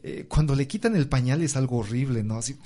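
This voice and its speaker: Devout man, mellow voice. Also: fast. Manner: reflective and devout, many filler sounds; acts out quoted speech with raised pitch. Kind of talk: personal religious testimony in conversation.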